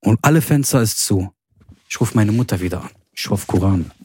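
A young man, a podcast host, telling a spooky story in casual chat, animated and full of oaths, acting out the voices of people he quotes. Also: lowish voice, fairly quick, a little hiss or hum.

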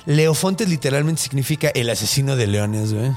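Animated Mexican man, slangy and joking. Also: medium pitch, a little fast. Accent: Mexican Spanish. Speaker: podcast host. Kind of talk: casual chat retelling Greek myth.

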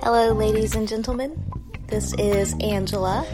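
A woman's voice: mid-range voice, moderate pace, over loud music. Woman podcast host in big hall echo. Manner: relaxed, agreeable, laughs easily. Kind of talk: casual chat. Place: big echoey room.

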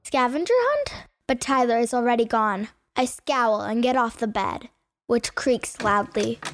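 A woman's voice: on the high side, fairly even intonation, unhurried, no room sound, clean studio sound. A woman playing a sulky, dramatic girl who narrates her own audio drama story in an indignant, whiny, exasperated way. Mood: annoyed. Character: sulky, dramatic homeschooled girl, phone-obsessed camper.

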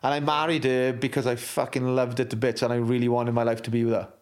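A middle-aged former rugby player gives a candid interview, speaking frankly, swearing freely, and restarting often. His mid-range voice stays level, and he talks fast.

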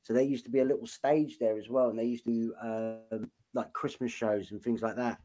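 A man's voice: medium pitch, fairly even intonation, brisk, mellow, rough recording. A man co-hosting a travel podcast, chatting casually and rambling with lots of ums. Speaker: podcast co-host. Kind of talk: casual chat.

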